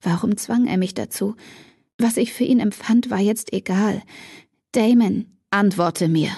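Woman reading a fantasy audiobook, dark mellow voice, dry close sound. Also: mid-range voice, steady tone, normal speed, husky, no echo. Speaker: audiobook narrator. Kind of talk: scripted first-person narration.

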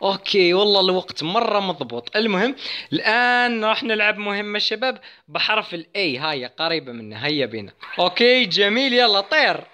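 A man hosting a gaming channel, commenting on his play with excitable energy. His voice sits high and bright, and it swoops all over as he chats to his viewers and yelps at the action. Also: fairly quick. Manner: excitable, chatty, addresses viewers, yelps at game moments.

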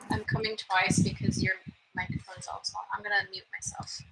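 A woman co-hosting an online student meeting over a video call, brisk and practical. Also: medium pitch, flat delivery, creaky, heavy background noise. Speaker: meeting co-host.

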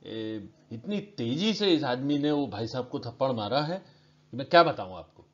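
A man puts on an agitated bystander, voice pushed high and loud with urgency. The recording is muffled and lo-fi. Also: moderate pace, lightly acted. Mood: excited. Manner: excited, urgent. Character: agitated male bystander reporting a slap. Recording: dull lo-fi recording.

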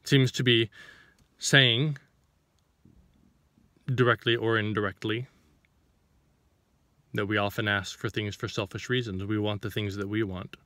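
A man's voice: lowish voice, fairly even intonation, a little slow, pauses often, bright, forceful tone, no echo. A man giving an informal sermon to the camera, reading scripture and then explaining it with rhetorical questions and a few restarts as he searches for words.

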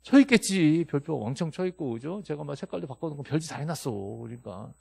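A man's voice: fairly high pitch, very animated, quick pace, creaky, mellow, breathy edge. A middle-aged man lecturing a classroom on property law, scolding and joking with his students and firing rhetorical questions at them. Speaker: real estate law instructor.

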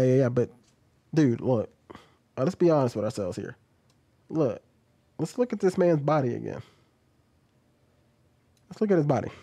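A man in his thirties talks bluntly and casually, reacting with plenty of ums and restarts. His voice sits at an ordinary middle pitch. The sound is dry and close, from a studio mic on a boom arm in a room at home. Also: warm tone, no echo. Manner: blunt, conversational, many fillers. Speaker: commentary vlogger. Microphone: studio XLR mic on boom, close.

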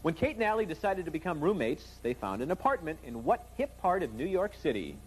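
A man's voice: fairly high pitch, sing-song, fairly quick. A young American man hosting a game show, quizzing contestants with playful, joking patter. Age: young adult. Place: TV game show studio with audience. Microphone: lapel. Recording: noisy old TV tape, studio crowd.

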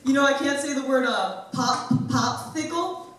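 A woman's voice: sits high, moderate pace, fairly bright tone, soft background music. A woman comedian voicing her dopey young boyfriend with barely any change from her own voice. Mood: sheepish. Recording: echoey hall, mic from far, noisy.

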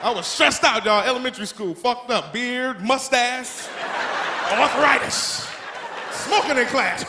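A man doing a stand-up routine, loud and profane, acting out shouting parents and whining kids in high squeals. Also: measured pace, very noisy. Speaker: stand-up comedian. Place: comedy club stage before a laughing audience. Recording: echoey club with loud crowd laughter. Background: crowd laughter.

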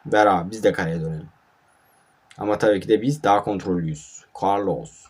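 A man's voice: low voice, a little fast, husky. A young man casually commentating his own mobile football match, sleepy and grumbling, with frustrated outbursts at his players. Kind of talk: casual live gameplay commentary. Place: at home at night.

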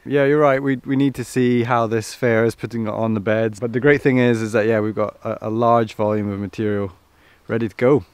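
A man's voice: mid-range voice, flat delivery, fairly quick, hardly any pauses, smooth. A young man co-hosting a farm vlog, chatting outdoors in an upbeat, encouraging way. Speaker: farmer and co-host. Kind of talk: casual conversation.

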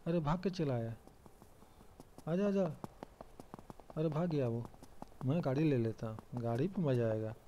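A man's voice: mid-range voice, brisk, warm tone, lo-fi sound, a little hiss or hum. A young man giving casual, chatty commentary on his own gameplay and joking about himself. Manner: chatty, self-mocking, calls out to teammates. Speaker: gamer commentating his play.

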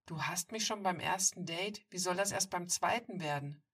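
A woman doing a wry teen boy, shy, quick-witted, husky, gravelly, distant mic. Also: lowish voice, fairly bright tone, pitched above the performer's own voice.

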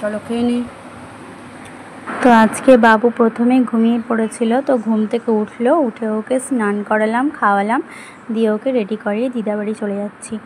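A woman's voice: fairly high pitch, flat delivery, a little fast, slight background noise, rough recording. A young woman chatting through her day in a casual home vlog, giving a running commentary. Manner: speaks softly so the sleeping baby is not disturbed. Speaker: vlogger.

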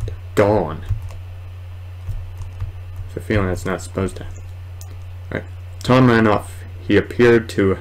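A man in his twenties, a gamer and video host, mutters hesitantly to himself through casual let's play commentary. His voice is fairly low, his pace measured, and he leaves long pauses. The clearly noisy recording comes from a small room in his home.

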